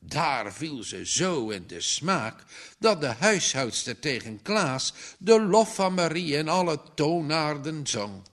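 Male storyteller, measured read, slow and unhurried, expressive. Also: fairly high pitch. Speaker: narrator. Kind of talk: storybook reading.

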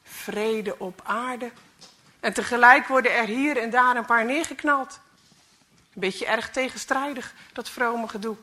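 A woman's voice: fairly high pitch, a little slow, sharp tone. Grumpy cynical male mechanic in a storybook reading, read by a woman; scornful grumbling.

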